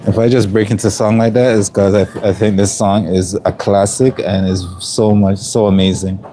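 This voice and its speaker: This middle-aged man from Jamaica, whose accent is largely Canadian with a touch of Jamaican, rambles easily on a cooking livestream, dropping lots of ums. He talks at normal speed in a fairly low pitch, with background noise present.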